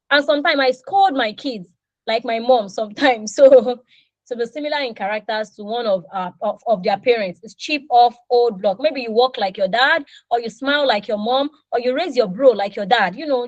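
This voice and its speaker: Here a woman with a higher-than-average voice leads an online English class, lively and acting out mini dialogues with her students in a playful way. She's Nigerian, in her thirties, with Yoruba as her native tongue. The sound is lo-fi but has no echo.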